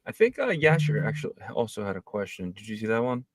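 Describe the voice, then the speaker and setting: A man co-hosting a podcast, reading listener questions in a relaxed, joking manner. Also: fairly low pitch, fast talker, no room sound, clean studio sound. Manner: relaxed, reads audience questions, jokey. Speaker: co-host. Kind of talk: casual podcast chat.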